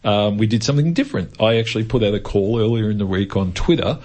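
A man's voice: on the low side, fast talker, a little mellow. An Australian man hosting a science radio show, talking in a curious, informal, conversational way in a casual interview.

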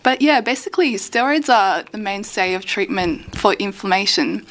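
This is a woman speaking as a research guest on radio. Her pitch is average for a woman. She explains technical material conversationally from a studio. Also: animated, moderate pace, poor audio. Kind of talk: explanatory interview talk.

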